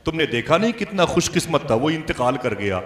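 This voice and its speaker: A man preaching a storytelling sermon in Hindi, building from a hushed telling into loud, high, impassioned cries. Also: sing-song, fairly quick. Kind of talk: emotional Islamic sermon storytelling. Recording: echoey venue sound.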